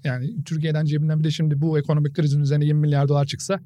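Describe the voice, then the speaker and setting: Fast-talking man explaining on a podcast. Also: on the high side, monotone, dark tone, no echo. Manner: storytelling, explains in numbered points. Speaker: podcast co-host. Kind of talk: casual podcast chat.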